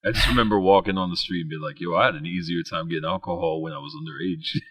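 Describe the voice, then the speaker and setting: A young American man guesting on a podcast, talking in a relaxed way and laughing easily. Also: low-pitched, fast talker, husky, no room sound. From United States. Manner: laid-back, laughs easily. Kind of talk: casual chat.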